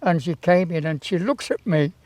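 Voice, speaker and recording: An elderly man in his eighties telling anecdotes from memory in an interview, in an unhurried, rambling way with hesitations. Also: fairly high pitch, lively intonation, a little mellow, no echo. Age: 80s. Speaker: town crier and former Tower of London yeoman warder. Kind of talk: reminiscing in interview, anecdotal storytelling.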